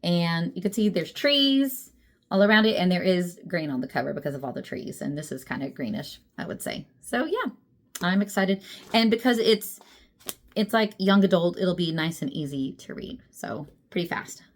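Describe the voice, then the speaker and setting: A woman's voice: lowish voice, animated, normal speed. A young adult woman chatting casually about books, laughing often and poking fun at herself. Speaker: book vlogger. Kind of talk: casual chat.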